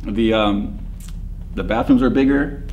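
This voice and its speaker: A man's voice: medium pitch, a little slow, darkish tone, highs cut off, slight background noise. Joking Lebanese-born man telling stories. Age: 30s. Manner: jokey, storytelling, laughs often. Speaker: podcast guest. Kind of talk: casual interview chat.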